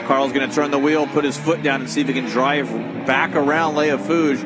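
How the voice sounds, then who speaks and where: A man's voice: on the high side, steady tone, a little fast, very noisy. A man giving live motorsport commentary on a race.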